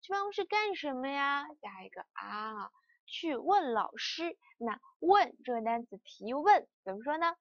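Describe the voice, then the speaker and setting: A woman language teacher giving a lesson, repeating each word slowly for students to follow. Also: sits high, very animated, dry recording, highs cut off. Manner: slow, repeated word drills.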